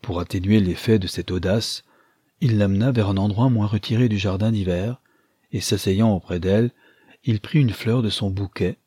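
Husky-voiced man reading a novel. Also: lowish voice, normal speed, mellow, dry recording, clean studio sound. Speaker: audiobook narrator. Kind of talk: scripted literary narration.

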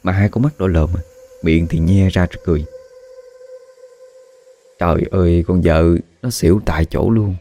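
Guy telling a ghost story, real low dark voice, chatty with lots of exclamations. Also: a little fast, a little hiss or hum. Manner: colloquial, with dramatic exclamations. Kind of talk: spoken ghost story narration.

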